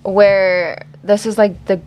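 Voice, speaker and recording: A woman's voice: mid-range voice, flat delivery, slow pace, a little mellow. A woman co-hosting a conversation in a casual, conversational style. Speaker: podcast co-host.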